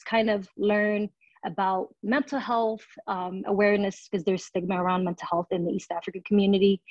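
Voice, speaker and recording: A woman's voice: mid-range voice, darkish tone, no room sound. A woman in her thirties, from Somalia, answering interview questions as a city council candidate, earnest and full of "um" fillers and restarts. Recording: dull lo-fi audio.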